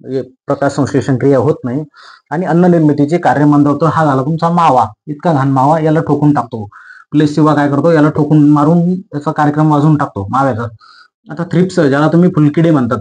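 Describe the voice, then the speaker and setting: Young farmer-host, rapid and slightly high-pitched, folksy explainer who repeats himself and acts out bugs. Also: male voice, husky, low-quality recording. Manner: lively, folksy, repeats points, mimics insects. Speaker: farming channel host.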